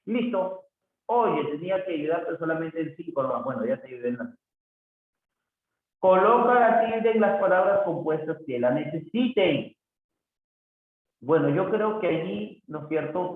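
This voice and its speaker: Echoey lo-fi man teaching grammar slowly. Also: fairly high pitch. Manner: drawn-out syllables, self-talk with many "ya está" and "ahí está". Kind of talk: worksheet walkthrough lesson. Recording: phone-like, very echoey room with faint noise.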